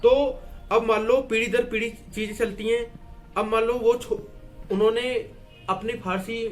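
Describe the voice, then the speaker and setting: A man teaching a Hindi grammar lesson at a board. He asks and answers his own questions and repeats key words. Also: high-pitched. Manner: writes and erases on a board while explaining.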